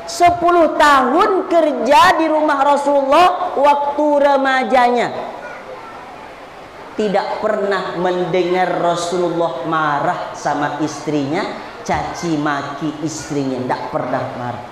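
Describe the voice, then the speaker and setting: A woman giving a humorous sermon in a mosque, telling stories with lively acted-out voices. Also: mid-range voice, slow pace, background noise. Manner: lively storytelling, acts out quoted voices. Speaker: preacher. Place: mosque hall. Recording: echoey hall with faint ambience.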